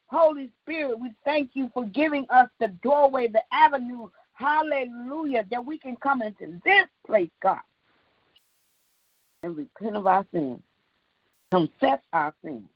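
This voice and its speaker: A woman leading a fervent intercessory prayer, punctuating each phrase with "Lord God" and making commanding declarations that rise to shouts. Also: on the high side, lively intonation, unhurried, no echo. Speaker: prayer leader. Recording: dull lo-fi dry recording.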